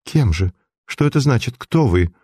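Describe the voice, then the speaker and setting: Male narrator voicing a frightened young woman; trembling, animated pitch. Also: normal speed, slightly rough, dry recording, clean studio sound.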